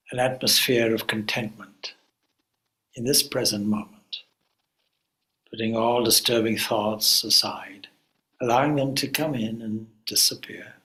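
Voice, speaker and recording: A medium-pitched male spiritual teacher leads a guided meditation, calm and unhurried, offering short phrases with pauses in between. The audio is poor.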